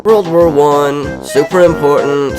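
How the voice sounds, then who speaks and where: A man's voice: on the high side, steady tone, takes it slowly, over music. A young man hosting a comedic history countdown in a sarcastic, rambling, jokey style. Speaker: comedic history video host. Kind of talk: comedic scripted narration.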